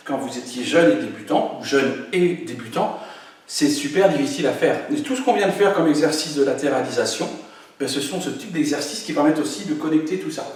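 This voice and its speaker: A man's voice: on the high side, expressive, brisk, darkish tone. A man teaching an online karate class, explaining moves and counting out drills for his students. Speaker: karate instructor. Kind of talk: online workout class instruction. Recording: very echoey room, voice from far off.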